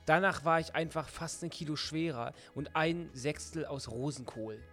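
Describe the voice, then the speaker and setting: Man, podcast co-host, casual chat, reads listener messages, slightly high voice. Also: moderate pace, a bit bright, soft background music. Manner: chatty, reads messages aloud.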